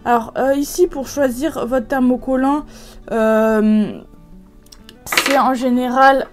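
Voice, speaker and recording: A woman's voice: high-pitched, steady tone, slow, music in the background. A woman from France talking through a craft tutorial at home in a casual, chatty way, with many fillers and restarts. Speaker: craft video creator.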